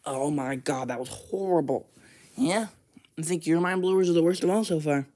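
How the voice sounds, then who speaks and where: A fan voicing a nervous, put-upon male teddy bear sidekick in a plush toy comedy skit, pleading and quick to panic. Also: medium pitch, warm tone, lightly acted.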